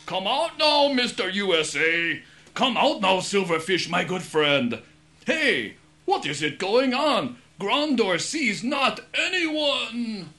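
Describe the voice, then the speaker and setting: A man's voice: sits high, sing-song, takes it slowly, pushed and bright, heavily acted. A man playing a boastful, childlike, lovestruck strongman superhero in a cartoon, exclaiming in broken, foreign-sounding English. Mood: boastful, excited. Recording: music behind the voice.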